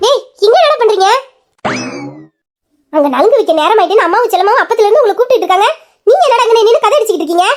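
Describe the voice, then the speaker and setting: A woman's voice: extremely high pitch, lively intonation, rapid-fire, long pauses, darkish tone, faint music behind. A woman playing a bossy, exasperated big sister. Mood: scolding. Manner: scolding, exasperated questions. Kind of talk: comic storybook voice acting.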